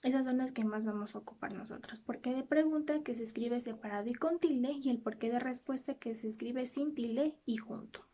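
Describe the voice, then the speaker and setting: A woman teacher explaining a language lesson to her students, often checking understanding with a quick "¿sí?". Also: fairly high pitch, warm tone. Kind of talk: classroom lesson.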